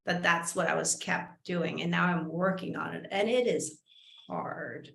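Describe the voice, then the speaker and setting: A woman's voice: on the low side, fairly even intonation, measured pace, vocal fry, a bit bright, echoey room. A woman hosting an interview, chatting casually and reflecting aloud while searching for her words. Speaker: host.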